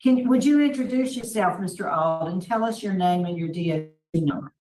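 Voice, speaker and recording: A woman's voice: fairly low pitch, fairly quick, a little mellow. A woman leading a formal parole hearing over a video call, polite and procedural, calling people sir. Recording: roomy, distant from the mic.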